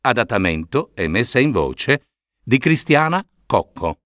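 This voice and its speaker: A man reading a slow, deliberate scripted intro as an announcer. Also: mid-range voice, very animated, fairly bright tone, a little hiss or hum. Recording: music behind the voice.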